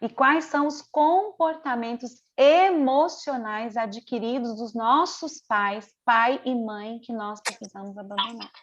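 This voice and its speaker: Woman mentor, middle-aged, high bright voice, earnest teaching manner, dull lo-fi call sound. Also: a little slow, few pauses. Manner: earnest, conversational, piles up rhetorical questions. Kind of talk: online mentoring lesson.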